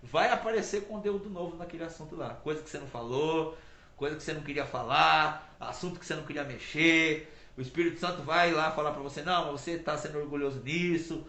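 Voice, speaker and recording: High-voiced man preaching in a roomy space. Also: fast, pushed and bright. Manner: conversational, repetitive, emphatic preaching. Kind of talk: informal sermon. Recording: roomy echo.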